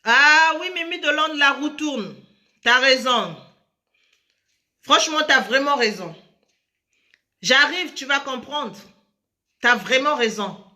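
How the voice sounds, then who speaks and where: A woman casually telling a story to her listeners, lively and addressing them directly. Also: high voice, slow, long pauses. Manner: lively, switching between French and another language, addressing listeners directly.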